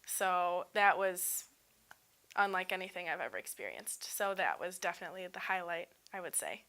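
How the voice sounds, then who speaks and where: A woman's voice: fairly low pitch, animated, normal speed, bright, forceful tone. A young woman in her twenties, a student, talking casually in an upbeat testimonial with frequent ums. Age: 20s. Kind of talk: unscripted testimonial.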